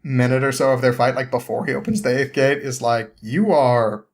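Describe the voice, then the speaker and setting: Telling a story as a podcast guest, this mid-pitched man keeps it casual and meandering. His delivery is halting as he gropes for the next part, and he's clearly entertained by his own tale, chuckling frequently.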